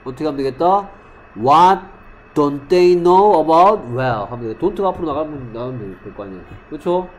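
A male English teacher in a classroom, quizzing students by name and slowly repeating English example sentences. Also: on the high side, expressive. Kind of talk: classroom lesson.

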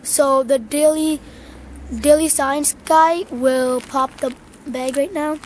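A woman's voice: sits high, fairly even intonation, slow, a little mellow, a little hiss or hum. A woman explaining what an outdoor experiment should do, hesitant and correcting herself. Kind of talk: casual science demo.

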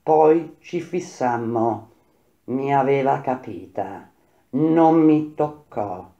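A woman reading a novel aloud in a measured, grave manner with slow pauses. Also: a bass voice, lively intonation, mellow, muffled recording. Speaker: reader. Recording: roomy echo.

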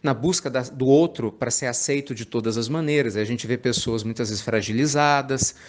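A man's voice: medium pitch, moderate pace, slight background noise. A man giving an informal sermon, chatty and playful, full of tag questions. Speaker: spiritist preacher.

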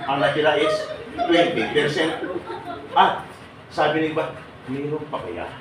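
A man leads a seminar for departing workers, a bit high in pitch, and he quizzes and teases his audience. He is picked up from far off in a very echoey room. Steady noise hums behind him. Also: unhurried. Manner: teasing, questions the audience, acts out their replies. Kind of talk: lively seminar talk to a crowd. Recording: echoey room, voice from afar, noisy.

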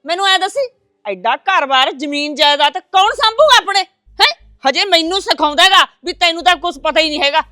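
An actress playing a stubborn mother-in-law who wants a grandson, with a loud scolding Punjabi way of talking. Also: medium pitch, expressive, a little fast, no room sound, studio quality, lightly acted. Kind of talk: village family drama acting.

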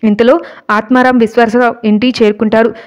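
High-voiced woman telling a story. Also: flat delivery, a little fast, muffled recording. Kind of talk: retelling a devotional serial.

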